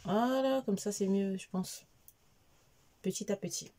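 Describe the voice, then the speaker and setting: A woman's voice: mid-range voice, measured pace, dark tone. A woman in her forties telling a casual diary vlog, chatty and rambling with many fillers. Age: 40s. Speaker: vlogger.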